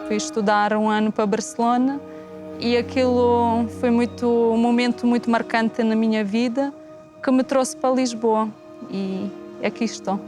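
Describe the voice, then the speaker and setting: A woman's voice: a little high, little pitch movement, normal speed, music in the background. A woman from former Yugoslavia, native in Slovenian and Croatian, speaking in a reflective documentary interview and at times searching for words.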